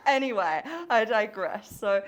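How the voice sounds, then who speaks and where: A woman's voice: mid-range voice, animated, unhurried. A woman co-hosting a fitness podcast in a casual chat, laughing easily and prompting her partner with questions. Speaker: podcast co-host, fitness trainer.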